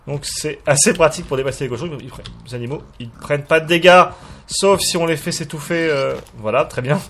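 A man's voice: on the high side, a little fast, fairly bright tone. A man giving casual, hesitant commentary while showing a game mod, full of fillers and restarts and chuckling at himself. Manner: self-mocking, chuckles at himself. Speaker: YouTuber presenting a game mod.

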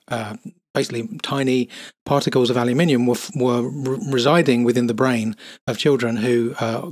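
A man's voice: mid-range voice, no echo. A man giving scornful, incredulous commentary over video clips, with many fillers.

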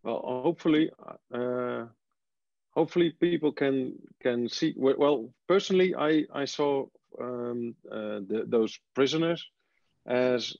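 A man's voice: mid-range voice, a little slow, vocal fry, a little mellow, no echo. A man, a film director speaking hesitantly over a video call through earbuds, searching for words. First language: Dutch. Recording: dull lo-fi video call audio.

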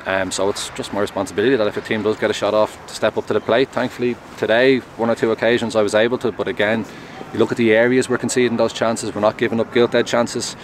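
A young man speaks quickly and earnestly in a post-match interview, his voice sitting slightly low. He talks outdoors on a close mic. Clear traffic hum runs behind him. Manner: measured, earnest, steady. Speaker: goalkeeper. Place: outdoors at a stadium, in front of a sponsor board at night.

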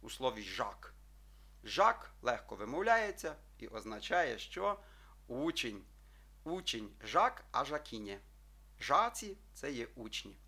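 A male teacher walks his viewers through a language lesson in an explanatory tone. His voice is bright and forceful, and he keeps checking in with his listeners. He draws out his example words slowly so they can follow. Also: medium pitch, big pitch swings, breathy edge. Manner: addresses listeners as friends, checks with frequent "так?"; slow, drawn-out model pronunciations.

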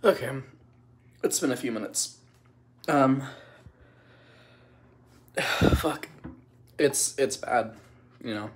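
A young man talks haltingly to his camera at home while his mouth burns from spicy food. His mid-pitched voice is slow, pained and breathless, broken by sighs and swearing. There is faint noise on the recording. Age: young adult. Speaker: video creator doing a food challenge. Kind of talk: casual reaction vlog. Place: small room at home.

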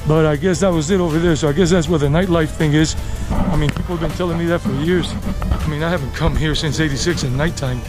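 A travel vlogger in his late forties leads a casual walking tour down a leafy residential city street, rambling and thinking aloud to viewers in a slightly high, steady voice. He talks fast with few pauses. The handheld-camera recording is low quality, with music clearly audible behind him.

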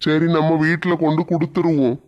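A man voicing a toothless old village grandfather who mutters slowly to himself in a cartoon. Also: on the high side, flat delivery, a little mellow, natural voice. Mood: puzzled. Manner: slow musing self-talk. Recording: dull lo-fi sound.

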